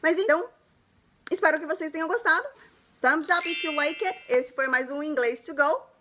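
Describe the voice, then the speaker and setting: A woman hosting a casual video lesson, chatty and encouraging, often tagging her sentences with a quick question. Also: high-pitched, pushed and bright, a little hiss or hum. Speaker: English teacher and channel host.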